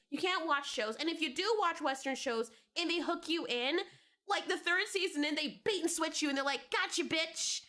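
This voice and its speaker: A woman's voice: high voice, sharp tone. A young adult woman co-hosting a reaction show, ranting in heated, exasperated casual chat and swearing freely. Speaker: co-host reacting to clips.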